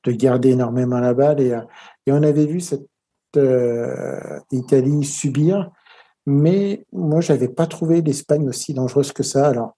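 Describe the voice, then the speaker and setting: A man's voice: medium pitch, moderate pace, dark tone, husky. A man giving casual football match commentary and tactical analysis, talking hesitantly with many filler sounds.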